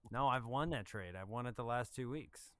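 A man's voice: medium pitch, moderate pace, smooth. A man co-hosting a podcast in casual banter, joking and acting out quoted exchanges in his stories.

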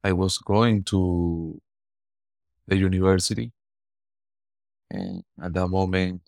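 Earnest and hesitant, a Venezuelan guest in his forties with a Venezuelan Spanish accent fields interview questions, often repeating words while he hunts for phrasing. He has a deep, gravelly, darkish voice, a steady tone and no echo.

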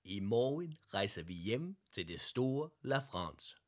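A man playing a showy male circus barker who calls loudly and draws out his words in a storybook reading. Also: mid-range voice, big pitch swings, lightly acted. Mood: announcing. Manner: loud, drawn-out announcing.

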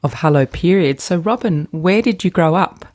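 A middle-aged woman with a low voice hosts a podcast interview. She asks light questions in a chatty, friendly way and fills the gaps with short agreeing sounds. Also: lively intonation, moderate pace, a little mellow. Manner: friendly, brief acknowledgements, chatty. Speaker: podcast host.

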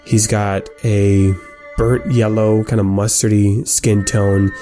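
A man narrating a tabletop game as game master, describing scenes in halting, improvised detail. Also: fairly low pitch, level tone, over music.

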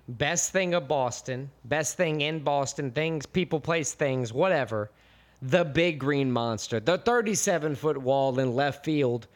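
An American man co-hosting a podcast, chatting casually with enthusiastic, rambling jokes. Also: a little high. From United States. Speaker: podcast co-host.

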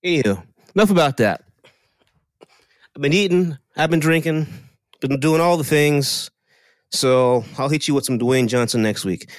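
A man's voice: fairly high pitch, expressive, moderate pace, pauses often, dry recording, clean studio sound. A man co-hosting a casual podcast in a playful, jokey way, recording in a guest room while lying on the floor with a handheld mic. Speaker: podcast co-host. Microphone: handheld mic through a phone.

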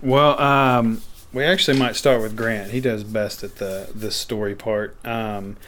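A man's voice: fairly low pitch, steady tone, a little slow, a bit bright, slight background noise. A man tells his story casually and informally, as a pastor and podcast guest. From Arkansas.

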